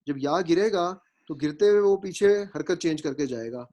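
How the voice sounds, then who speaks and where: A man teaching a grammar lesson, patient and explanatory, slowly spelling out vowel marks and often checking that his students follow, with English words mixed in. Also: on the high side, expressive, dark tone. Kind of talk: grammar lecture.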